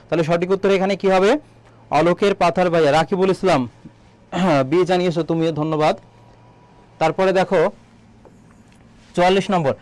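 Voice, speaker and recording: A high-pitched man leads an online exam-prep lesson. He asks questions, supplies the answers himself and slowly repeats key terms. The sound is dry and close. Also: dry recording. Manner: quizzes students, then answers his own questions. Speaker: admission exam tutor.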